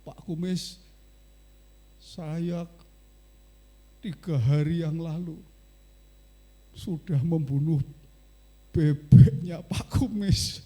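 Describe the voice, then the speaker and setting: A man's voice: a little high, fairly even intonation, unhurried, pauses often, dark tone, breathy edge. A male pastor voicing a frightened young boy who pleads hesitantly. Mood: fearful.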